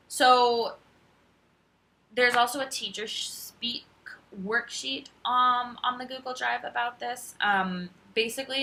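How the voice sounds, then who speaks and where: Bright-voiced woman teacher giving tips. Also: lowish voice, low-quality recording. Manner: chatty, walks through classroom tips conversationally. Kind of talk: casual instructional talk.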